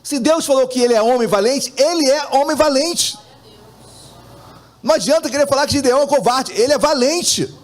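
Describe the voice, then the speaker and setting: A male pastor with a notably high speaking voice delivers a sermon. He addresses the congregation directly with frequent asides and changes his tone to act out the voices in the passages he quotes. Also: brisk. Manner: acts out quoted dialogue with shifted intonation.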